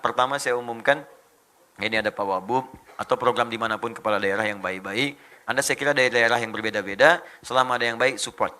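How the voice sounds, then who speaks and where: A man preaching a sermon to a congregation, rousing and joking, swinging between soft and loud. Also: mid-range voice. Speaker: Islamic preacher.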